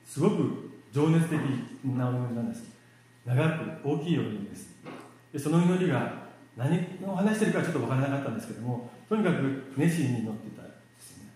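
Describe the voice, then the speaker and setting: A man giving a church sermon in a relaxed, self-deprecating, joking way, with many fillers and pauses. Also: mid-range voice. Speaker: lay preacher. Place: church hall. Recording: very echoey hall.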